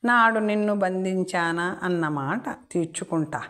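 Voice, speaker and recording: A woman voicing a raving mad man who rambles in proverbs, taunts and sings mock lullabies, low and unhurried. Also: a bit bright. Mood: gloating.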